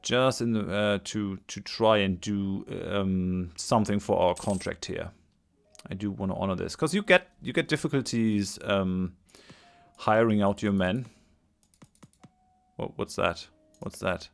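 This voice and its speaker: A man's voice: on the low side, a little slow, clean tone. A man commentating a strategy game as he plays, thinking aloud, hesitant, with many fillers and restarts, his voice tiring. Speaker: let's play host. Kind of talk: casual gameplay commentary.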